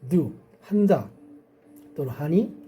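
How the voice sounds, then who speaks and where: Male English grammar teacher, slow, deliberate, very dark mellow tone with a husky edge. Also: fairly high pitch, expressive. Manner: slow, step-by-step, slowly spelling out English example sentences. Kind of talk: explaining lesson to parents and teachers.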